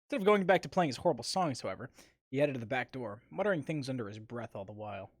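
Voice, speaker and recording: A man's voice: medium pitch, expressive, fast talker, dry recording, clean studio sound. A man narrating a visual novel on a live stream, reading the text with wry asides of his own.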